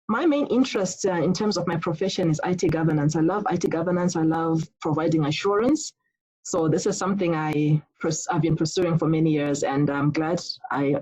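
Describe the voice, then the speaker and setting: Husky-voiced woman panellist. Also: lowish voice, a little mellow, rough recording. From Zimbabwe. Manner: self-correcting, earnest. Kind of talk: self-introduction on a panel. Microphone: video call.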